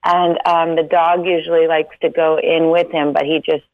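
A woman's voice: deep voice, little pitch movement, moderate pace, no echo, highs cut off. A woman guest chatting casually over a landline phone, laughing easily with many ums. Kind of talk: casual interview chat.

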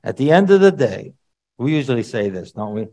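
A man preaching a sermon to a congregation in a conversational way, with rhetorical questions and sudden loud emphatic bursts. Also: mid-range voice, sing-song, fairly quick.

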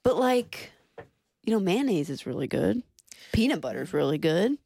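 A woman's voice: fairly low pitch, big pitch swings, moderate pace, gravelly, mellow, husky, no echo, studio quality. A woman hosting a podcast in casual chat, talking in a loose, chatty way full of likes and you-knows. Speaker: podcast host.

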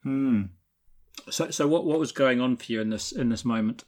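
A man hosting a coaching podcast, introducing and asking questions in a calm, measured way. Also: mid-range voice. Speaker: host, coach. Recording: music bed under the voice.

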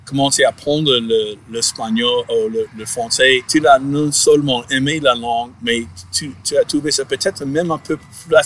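A man whose first language is English, interviewing casually in a second language, halting and searching for his words. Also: medium pitch, fairly even intonation, a bit bright.

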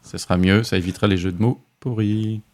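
A man's voice: on the low side, steady tone, a little fast, darkish tone. A man hosting a casual tech podcast, steering the talk with questions and teasing his co-hosts. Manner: joking, leads with questions. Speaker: podcast host and moderator.

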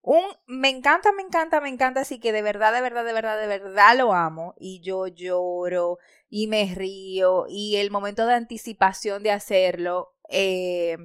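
A woman's voice: medium pitch, normal speed, hardly any pauses, clear, resonant tone. A woman co-host chatting casually, stressing her points by repeating words. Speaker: podcast co-host. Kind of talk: casual chat.

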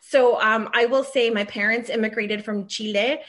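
A middle-aged woman from Maryland, a guest telling her career story in a lively, laughing, casual interview. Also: fairly high pitch, normal speed. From Maryland, USA. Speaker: guest, recruiting leader.

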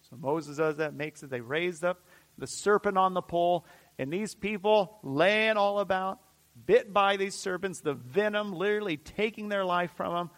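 A man preaching a sermon with fervent, repeated emphatic phrases, swinging from loud declarations to hushed near-whispers. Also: high voice, moderate pace.

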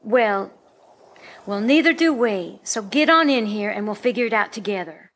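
A woman's voice: mid-range voice, lively intonation, normal speed, a bit bright. An actress playing a kind, motherly woman driving a car. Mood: tender. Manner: kindly, motherly, drawling. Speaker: lead character Thyme.

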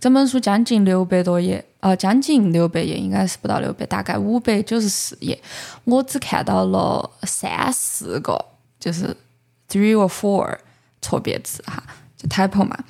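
A woman podcast host speaks with a Sichuanese accent in a gravelly, fry-edged voice at a medium pitch. She explains things conversationally, as in a casual book talk, and slips English words into her sentences. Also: sing-song, moderate pace, darkish tone.

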